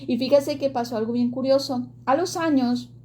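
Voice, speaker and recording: A woman's voice: high voice, moderate pace, darkish tone, a little hiss or hum. A woman giving an earnest, emotional faith testimony, with hesitant fillers. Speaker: ministry speaker giving testimony.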